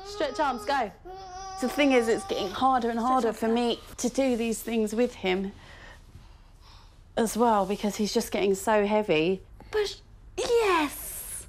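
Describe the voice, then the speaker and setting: A woman's voice: fairly high pitch, steady tone, normal speed. Mother at home, candid, sing-song with the kids, sometimes tearful; noisy room audio behind her. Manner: sing-song baby talk, at times tearful. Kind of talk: candid documentary talk at home. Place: family home. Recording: noisy handheld documentary audio.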